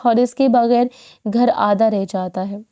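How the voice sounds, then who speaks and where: A woman's voice: a little high, fairly even intonation, warm tone, clean tone, close to an everyday voice. A woman voicing an outspoken young bride who pleads with her mother in a reproachful tone. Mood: pleading.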